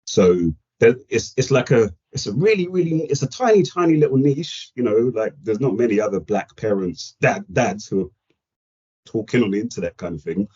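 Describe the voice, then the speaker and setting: Husky London man in his forties. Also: mid-range voice, lively intonation, moderate pace, a little mellow. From Kenya. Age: 40s. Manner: reflective, chatty, self-deprecating. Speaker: podcast guest. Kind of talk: casual chat. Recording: dull lo-fi audio.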